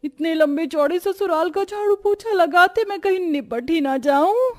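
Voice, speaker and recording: Cartoon bride, young woman, lazy schemer, whiny and theatrical, high and swooping, voiced by a woman. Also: lively intonation, normal speed, darkish tone. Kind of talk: Hindi cartoon voice acting.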